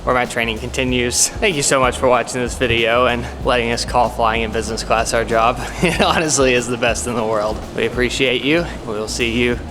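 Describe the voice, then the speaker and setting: A man's voice: mid-range voice, fairly even intonation, a little fast, hardly any pauses, music in the background. A man speaking as a travel vlogger, giving a casual, conversational and upbeat review to camera.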